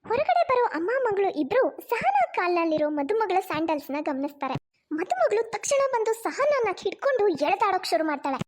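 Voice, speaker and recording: A woman narrating a cartoon story in a gentle, measured way. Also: very high voice, sing-song.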